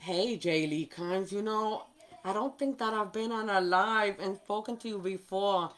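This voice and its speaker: Her mid-range voice runs a little slow and sounds slightly bright as she hosts a nail livestream, chatting casually while she demonstrates. She speaks Spanish natively and carries a New York accent shaded by Spanish. Talkative and quick to laugh, she often addresses viewers by name.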